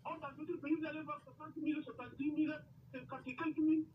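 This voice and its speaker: A man's voice: extremely high pitch, steady tone, fast, recorded from a distance, a little hiss or hum. Exasperated man calling a radio show. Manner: emphatic, repetitive, exasperated. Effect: phoned-in caller voice over radio. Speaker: radio caller. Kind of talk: call-in comment. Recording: lo-fi phone line from off-mic.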